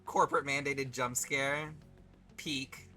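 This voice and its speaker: A man's voice: medium pitch, fairly even intonation, slow pace, pushed and bright, faint music behind. Giggly young man streaming a game. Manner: giggly, swears casually, talks to chat. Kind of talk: casual live-stream chat.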